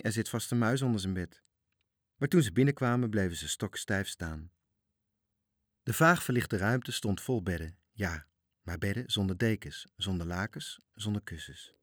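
Low-voiced man reading a children's story. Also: no room sound, studio quality. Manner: lively, expressive storytelling. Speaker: narrator.

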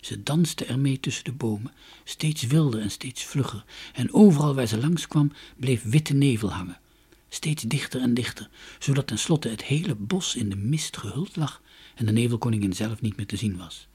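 A man's voice: medium pitch, moderate pace, darkish tone, slightly rough. A man reading a children's story aloud expressively, sometimes dropping to a whisper.

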